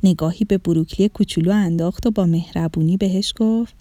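A woman narrating a children's story in an expressive, gentle storytelling voice. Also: on the low side, no room sound, clean studio sound.

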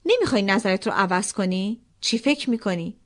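Lady doing a coaxing photographer guy, bouncy pitch, kids' story voice. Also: lively intonation, close to an everyday voice. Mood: friendly. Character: fussy excitable male photographer, adult.

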